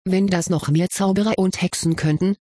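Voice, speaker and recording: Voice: medium pitch, fairly even intonation, moderate pace, mellow, no room sound, studio quality, close to an everyday voice. A reader voicing an old wise wizard headmaster. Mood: calm. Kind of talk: audiobook dialogue reading.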